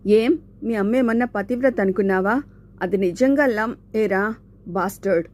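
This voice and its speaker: A woman's voice: medium pitch, moderate pace, darkish tone, close to an everyday voice. A woman voicing an arrogant young male student bully who taunts and sneers, in an audiobook. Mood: sneering. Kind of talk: audiobook character voice.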